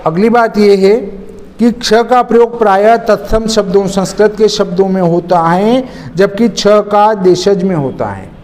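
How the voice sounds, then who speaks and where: A man teaching a spelling lesson, slowly and deliberately spelling out words one by one. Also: high voice, a little mellow. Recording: long reverb, faint noise.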